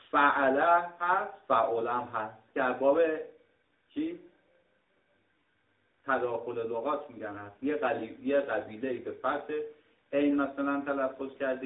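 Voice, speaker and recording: A middle-aged man from Iran teaching a scripture lesson, arguing points and explaining word meanings, often clearing his throat. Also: mid-range voice. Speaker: religious teacher. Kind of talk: lecture on scripture. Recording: tinny, roomy, distant mic.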